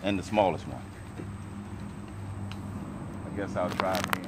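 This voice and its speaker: A man in his thirties with a lowish voice chats enthusiastically to his viewers, calling them guys. He walks through a backyard mango orchard outdoors. A phone held by someone else picks him up through loud outdoor noise. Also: a little slow. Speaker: gardening vlogger. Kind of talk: casual vlog talk to viewers. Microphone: phone camera held by another person.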